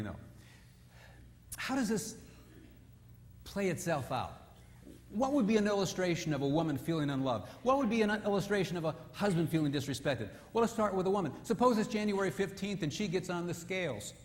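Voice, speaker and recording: A man preaching a sermon with a fairly high voice, telling stories in an animated way and sinking low and soft to drive points home. The sound carries a long reverb from the church hall. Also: a little fast. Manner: animated storytelling, drops low and quiet for emphasis. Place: church sanctuary.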